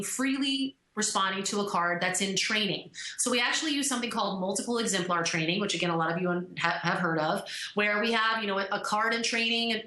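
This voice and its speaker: A woman's voice: mid-range voice, bright, forceful tone. A woman giving a lecture presentation, talking loosely with fillers and restarts. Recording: echoey lecture room.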